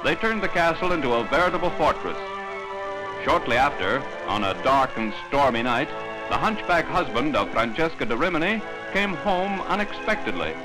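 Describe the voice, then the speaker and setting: A man reads a 1940s wartime newsreel in a slightly raised register, brisk and fond of wisecracks. His delivery is polished, scripted announcer narration. A music score plays clearly underneath him. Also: a little high, sing-song, low-quality recording.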